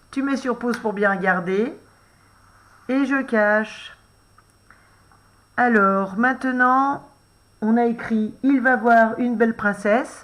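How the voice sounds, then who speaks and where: Patient, unhurried French woman teacher guiding young children through a dictation letter by letter. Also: a little high. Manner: gentle, explains letter by letter, reminds to pause the video. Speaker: first-grade teacher.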